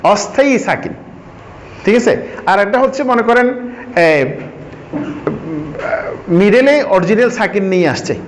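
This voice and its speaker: High-pitched guy teaching a reading class, keeps asking the room questions, faint hum behind. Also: expressive, poor audio. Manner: asks the class questions and repeats answers; sounds out syllables slowly for drilling. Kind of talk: classroom lesson.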